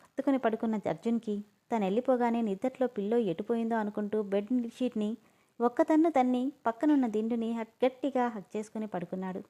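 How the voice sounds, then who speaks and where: A woman who tells stories, reading a family drama aloud in a steady, expressive way. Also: fairly high pitch, fairly quick. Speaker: storyteller. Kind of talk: scripted story narration.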